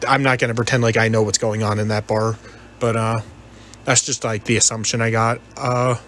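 Low-leaning and fairly bright, this man's voice barely moves in pitch as he talks briskly over a faint hiss or hum. He's a gaming video narrator rambling through a personal story conversationally, with frequent hesitations, repetition, and quoted lines.

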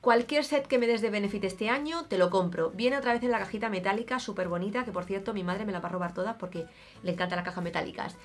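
Indoors in a small home room, an opinionated beauty vlogger in her thirties talks expressively and casually to camera. She has a Spanish accent from Spain and a mid-range voice, speaking fast.

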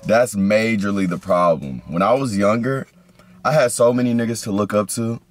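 A man's voice: on the low side, soft background music. A man in his early twenties speaking earnestly to camera about his goals and life lessons. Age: 20s. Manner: earnest, slow, heartfelt. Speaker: vlogger. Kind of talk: reflective vlog talk to camera.

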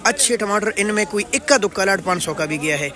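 A man's voice: sits high, animated, fast, pushed and bright. A man in his thirties with a Pakistani accent, presenting an informational market report in an earnest, projected way. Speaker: host of market rate updates.

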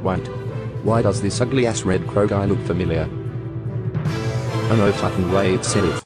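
Man as a low-voiced brash young prince. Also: normal speed, lightly acted. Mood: brash, exclamatory. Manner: exclamatory, casual. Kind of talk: cartoon skit dialogue. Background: loud music.

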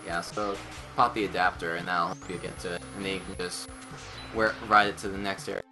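A man's voice: sits low, a little fast. A man co-hosting a let's play, guiding his partner through the game with casual, joking commentary. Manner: guiding, lively, laughs often. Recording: music playing behind.

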